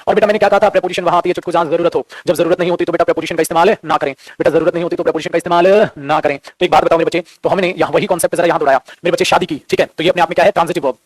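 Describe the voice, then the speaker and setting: A man teaching a grammar class at a breakneck pace, his voice pitched high. He scolds his students in a playful way and keeps drilling the same questions over and over. The sound is dry and close, with no room echo. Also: fairly even intonation, very fast, few pauses. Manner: playful scolding, calls students "beta", jokes; teasing, repetitive drilling questions. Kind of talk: Hindi-medium grammar class lecture.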